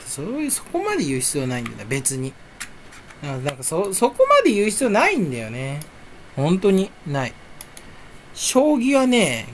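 A young man talking to himself while he browses at his home computer. His voice sits a bit high and leaps up and down all the time, and faint background noise runs under it. He rambles and mocks himself. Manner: rambling self-talk, jumpy and self-mocking. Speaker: video creator. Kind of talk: casual solo chat while browsing online. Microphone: desk or headset mic, face on camera.

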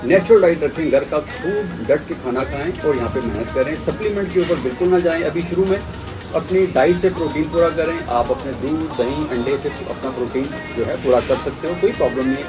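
A man's voice: a little high, poor audio. A man in his fifties, a gym owner and coach, earnestly giving beginners advice while seated in a small office. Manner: earnest, instructive. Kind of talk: advice to a vlogger. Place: small office with a green wall, indoors.

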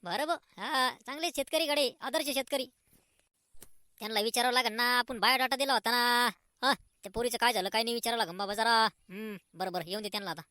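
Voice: medium pitch, brisk, bright, forceful tone, dry recording, lightly acted. An actor voicing a nosy, teasing village neighbor in a cartoon comedy. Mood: gossiping.

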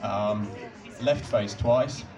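A young man on an outdoor stage at night, politely giving step-by-step instructions into a handheld mic. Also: fairly low pitch. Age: young adult. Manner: patient, polite, slow instructions with soft laughs. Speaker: instructor guiding a cube solve. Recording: distant mic with crowd and music.

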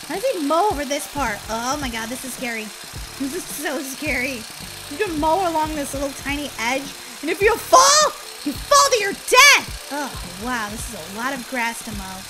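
Young woman gaming host, high and lively, animated. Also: fairly quick, over loud music. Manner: animated, playful. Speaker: channel host playing her game character. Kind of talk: gaming role-play narration.

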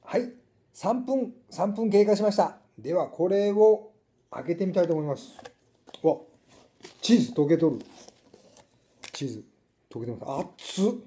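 A man's voice: high voice, animated, measured pace, pauses often, mellow. A middle-aged man with a Kansai Japanese accent, chatting casually and muttering to himself as he cooks and tastes. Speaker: food vlogger. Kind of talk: casual chat while cooking and tasting. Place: small indoor room at a table.

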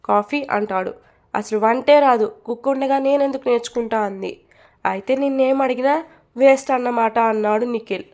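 A woman's voice: fairly high pitch, a little fast, a little mellow. A woman narrating a romance story aloud, reading all the characters' lines herself with light acting. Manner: reads all parts, lightly acting dialogue.

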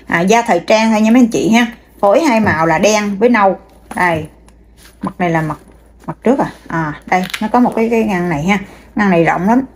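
A woman's voice: medium pitch, fast, slight background noise. A woman, showing bags one by one and chatting straight to her viewers, with many fillers. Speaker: online seller. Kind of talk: casual product showcase.

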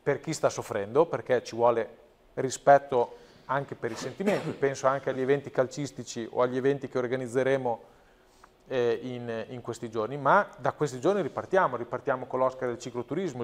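A man talks in a TV studio. He is earnest and pushes his points hard, with frequent restarts and repeated words. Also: mid-range voice. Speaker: provincial president, guest. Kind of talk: talk show interview.

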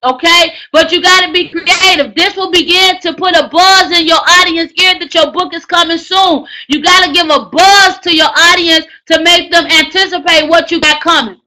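A woman teaching a writing class, coaching loudly and repetitively in slangy, preacher-like exhortation. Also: very high voice, fairly even intonation, normal speed, few pauses, low-quality recording. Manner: loud, hollering, preacher-like exhortation. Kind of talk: live online class on book promotion.

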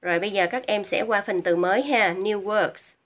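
A woman's voice: mid-range voice, moderate pace. A Vietnamese woman teaching an English vocabulary lesson to students, explaining words with hesitant fillers. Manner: patient, repeats each word twice for pronunciation drill. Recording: dull lo-fi audio.

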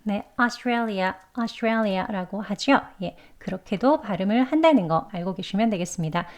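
A Korean-speaking woman teaching English pronunciation, explaining patiently and slowly repeating sounds to demonstrate them. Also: medium pitch, animated, a little mellow. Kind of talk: pronunciation lesson.

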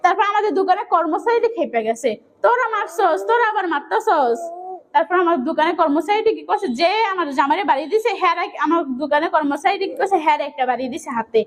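High-pitched woman, tearful. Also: expressive, very fast, hardly any pauses. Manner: urgent, tearful retelling with quoted dialogue. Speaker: family member of victims. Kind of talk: emotional eyewitness account.

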